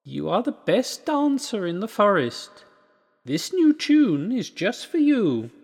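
A man playing a clever little girl monkey, his voice raised high and soft as she coaxes. Her lines come slowly with big swings in pitch. A long reverb trails behind. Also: very animated, creaky, exaggerated voice. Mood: coaxing. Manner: sweet, coaxing.

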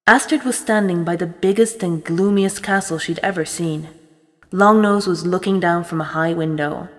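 A woman reading a fairy tale aloud in measured, expressive storybook narration. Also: on the low side, faint music behind. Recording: reverberant room, faint noise.

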